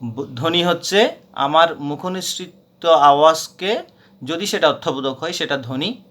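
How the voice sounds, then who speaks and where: A man's voice: on the high side, unhurried, a bit bright. A man teaching a grammar lesson, patiently repeating points with frequent hesitations. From Bangladesh.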